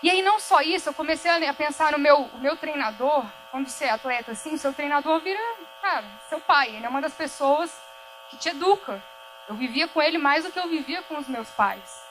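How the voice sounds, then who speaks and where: A woman's voice: high voice, expressive, fairly quick, a bit bright, slight background noise, poor audio. A young Brazilian woman speaking at a workshop, telling a personal story in an earnest way, correcting herself as she goes and acting out quoted dialogue. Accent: Brazilian Portuguese. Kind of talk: personal testimony talk. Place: event hall.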